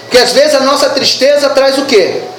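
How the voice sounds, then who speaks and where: A woman preaching a sermon at a church service, animated and asking the congregation questions. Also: high-pitched, normal speed, reverberant, slight background noise, low-quality recording.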